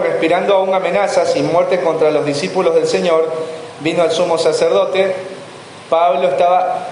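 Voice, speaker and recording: A man's voice: fairly high pitch, a little mellow. A man preaching a sermon as pastor, asking the congregation rhetorical questions. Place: church hall. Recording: echoey church hall with faint room noise.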